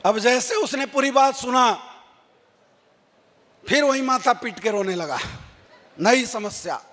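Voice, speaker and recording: A man's voice: extremely high pitch, unhurried. A man giving a motivational stage speech, telling a story and acting out its dialogue. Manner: animated storyteller who acts out dialogue. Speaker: motivational speaker. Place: large event hall. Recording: long hall reverb.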